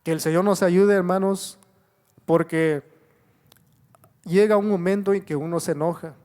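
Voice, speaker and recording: A man's voice: sits high, fairly even intonation, a little slow, darkish tone, smooth. A middle-aged man preaching a sermon in a church, repeating phrases, asking his listeners questions and calling them brothers. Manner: repetitive exhortation with frequent "gloria a Dios"; addresses congregation as brothers, rhetorical questions.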